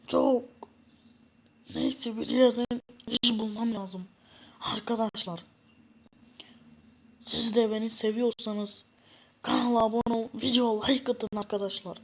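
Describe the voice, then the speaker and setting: A woman voices a gloomy poor man who sighs and moans about his lot, speaking slowly in a husky, fairly high voice with fairly even intonation. He drags his words into a whiny drone of complaint.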